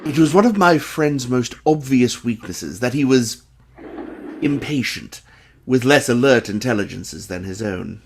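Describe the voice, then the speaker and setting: A man's voice: medium pitch, animated, a little slow, creaky, slight background noise. A man acting a detective's loyal doctor friend, earnestly narrating and questioning in a radio play.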